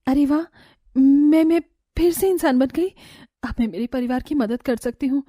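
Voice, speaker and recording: A young cartoon mother in disguise, voiced by a woman, earnest and sweet. Her voice sits very high yet sounds mellow, in a dry studio recording. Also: moderate pace, dry recording, close to an everyday voice. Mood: relieved. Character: young mother posing as a kindly stranger.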